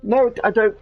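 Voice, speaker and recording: A man's voice: high-pitched, breathy edge, highs cut off. A man hosting a game stream, chatting with friends over party chat, laughing often, swearing and teasing. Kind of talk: casual gaming banter.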